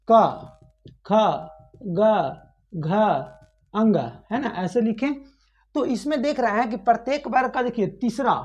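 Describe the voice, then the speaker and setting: A woman teaching a grammar lesson, asking the class questions, answering them herself and repeating the key points. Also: fairly high pitch.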